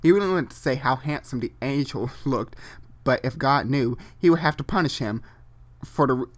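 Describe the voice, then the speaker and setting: Here a host performs amateur internet fiction as an over-the-top comic reading, unfiltered and dramatic. Pitch sits in the middle and the pace is moderate; now and then the reader drops in an offhand comment or repeats a line after stumbling.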